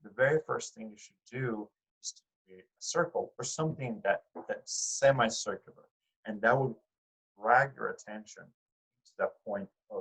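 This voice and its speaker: A male art teacher talks through a recorded lecture in a somewhat low voice. He speaks conversationally, trips over words and corrects himself, and turns to his students with direct questions. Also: fairly bright tone, breathy edge, low-quality recording. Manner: conversational, with frequent fillers and restarts.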